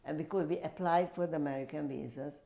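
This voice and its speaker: An older woman being interviewed about her years as a refugee, speaking haltingly and repeating her words. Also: low-pitched, steady tone, gravelly, crowd noise. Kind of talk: oral history interview.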